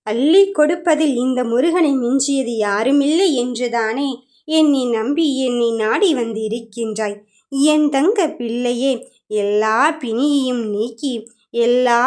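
A woman's voice: a little high, darkish tone. A woman voicing the god Murugan as a loving father, giving a tender, consoling devotional message in the first person.

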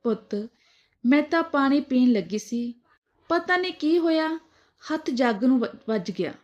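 A woman voicing a patient elderly mother who softly pleads with her son in a storybook tale. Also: high-pitched, animated, a little slow, lo-fi sound. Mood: pleading. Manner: soft, placating. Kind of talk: storybook dialogue reading.

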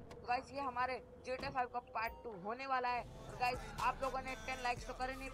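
A man's voice: very high voice, poor audio. A young man giving casual, chatty gameplay commentary, often calling out to his viewers. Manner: chatty, says "guys" constantly, excitable. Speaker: gaming YouTuber.

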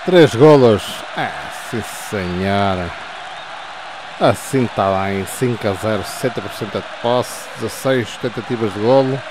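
A man in his fifties with a European Portuguese accent, doing playful football commentary over his own gameplay, yelling goal calls and cheering players on between calm score recaps. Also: fairly low pitch, measured pace, background noise. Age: 50s. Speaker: gaming channel host.

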